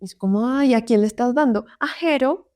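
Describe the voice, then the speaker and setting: A woman's voice: a little high, normal speed, darkish tone, no room sound, studio quality. A Colombian woman, a psychologist guest, speaking reflectively in a casual interview and often tagging her sentences with little questions.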